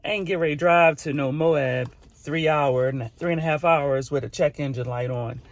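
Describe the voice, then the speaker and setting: A man in his fifties from the United States, vlogging casually about his travels in an unhurried, chatty way and repeating his exclamations. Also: fairly high pitch, dry recording. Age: 50s. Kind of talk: casual travel vlog talk. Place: inside a car on a road trip. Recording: steady car and road noise behind.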